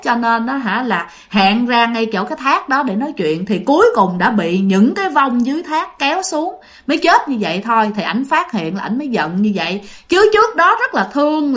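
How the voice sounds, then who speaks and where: A woman's voice: on the high side, very animated, moderate pace, hardly any pauses, a bit bright. Give me a chatty Southern Vietnamese woman telling ghost stories. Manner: chatty, addresses listeners directly. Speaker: ghost story narrator. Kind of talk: casual storytelling to listeners.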